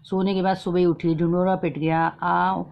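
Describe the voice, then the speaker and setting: A woman casually retelling a folk fasting tale in a plain, homely way with repeated phrases and fillers. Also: on the low side, little pitch movement, highs cut off. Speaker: storyteller.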